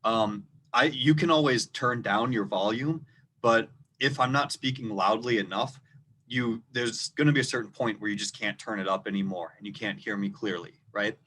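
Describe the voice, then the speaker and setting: In this instructional video, a man with a rural Minnesota accent coaches debate students in a fairly low voice. His delivery is loud and deliberate, separating every word, and there's a slight hiss or hum in the recording.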